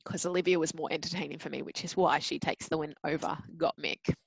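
A woman's voice: low-pitched, fairly even intonation, brisk, vocal fry, breathy edge. A blunt, opinionated woman co-hosts a podcast in casual conversation, dropping wry asides. Her voice is recorded close and dry, with no room echo. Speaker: podcast co-host. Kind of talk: casual chat reviewing a TV competition.

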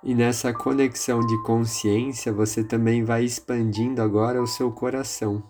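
A man with a Brazilian accent leading a guided meditation in a calm, soothing, measured manner. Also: medium pitch. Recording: music behind the voice. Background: music.

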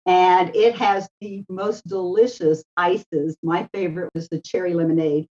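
A woman's voice: lowish voice, fairly even intonation, a little slow, mellow. A woman speaking as an interview guest in a conversational, anecdotal way. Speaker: interview guest, education adviser. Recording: slightly dull, lo-fi sound.

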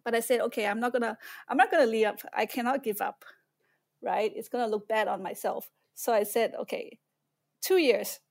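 A woman from Malaysia, a guest on a podcast, tells her story in a lively, candid way over an online call from home. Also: fairly high pitch, moderate pace, creaky. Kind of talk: conversational interview storytelling. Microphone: video call.

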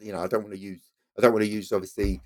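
A man's voice: on the low side, level tone, racing, a little mellow, no echo, clean studio sound. A man with an Essex accent giving explanatory interview answers as a football scout and coach, emphatically repeating his key points.

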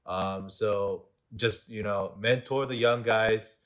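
A young man hosting a casual sports podcast, laid-back and quick to laugh. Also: on the low side, steady tone, fairly bright tone. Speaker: podcast host.

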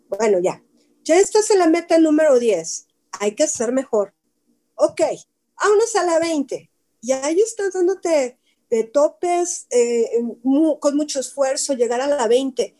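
A woman's voice: high voice, mellow. A woman giving an informal talk to a small group, chatty, often asking her listeners questions and repeating words for emphasis. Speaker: workshop speaker.

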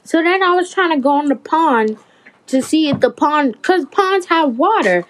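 A woman's voice: sits high, expressive, moderate pace, low-quality recording. Rambling teen girl storyteller. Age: teens. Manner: rambling storyteller, easily sidetracked. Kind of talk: casual chat among friends.

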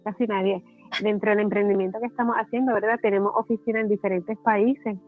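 A woman's voice: medium pitch, fairly even intonation, quick pace, soft background music. A woman with a Puerto Rican accent, a guest entrepreneur telling her story in a friendly, casual chat. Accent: Puerto Rican Spanish. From Puerto Rico. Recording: tinny phone-like line.

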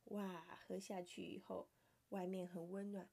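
A woman's voice: lowish voice, unhurried, gravelly, husky. Playful mother reading a storybook. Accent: Taiwanese Mandarin. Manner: playful and animated, whispering softly at times. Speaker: mother reading a picture book aloud.

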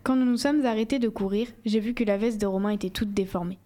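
A woman reading a first-person novel aloud in a steady, measured storytelling voice. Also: medium pitch. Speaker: audiobook reader.

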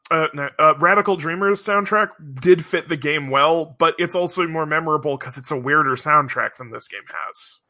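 A man's voice: on the high side, moderate pace, few pauses, sharp tone. A man chatting casually on a podcast about a video game, stumbling and restarting his sentences. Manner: hesitant, restarts often. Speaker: podcast co-host. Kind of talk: casual chat.

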